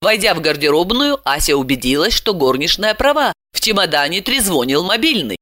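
A woman narrating an audiobook with lively, expressive delivery. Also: on the low side, a little fast, no room sound, clean studio sound.

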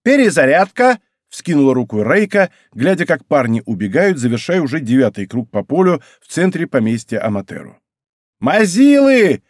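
A man reading a story aloud as narrator, with an expressive reading style. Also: medium pitch, brisk, hardly any pauses, no echo, clean studio sound. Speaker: audiobook narrator. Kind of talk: scripted narration.

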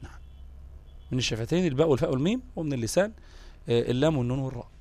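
A man's voice: mid-range voice, animated, very fast, warm tone, dry recording. Egyptian man teaching in a dry voice. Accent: Egyptian Arabic. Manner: explanatory, repeats terms, checks in with "tamam?". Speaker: Quran recitation teacher. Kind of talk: live online lesson on letter qualities.

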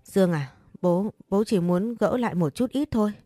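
A woman's voice: mid-range voice, animated, normal speed, warm tone, no room sound, clean studio sound, lightly acted. A woman voicing an ashamed older father who begs his daughter for money, speaking hesitantly and stammering. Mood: pleading, ashamed.

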